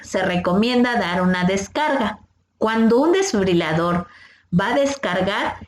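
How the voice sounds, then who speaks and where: A female first aid instructor patiently teaches a class of young scouts, explaining step by step and asking the kids questions. Her voice is medium-pitched, in an echoey room.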